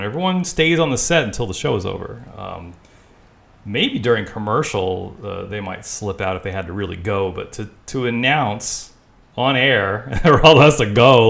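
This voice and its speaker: Low gravelly guy from staten island doing snarky voice-over on an old talk show clip, chuckles a lot. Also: fairly bright tone. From Staten Island, New York. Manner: sarcastic, chuckling asides with profanity. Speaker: video commentator. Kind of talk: voice-over commentary on an archival clip.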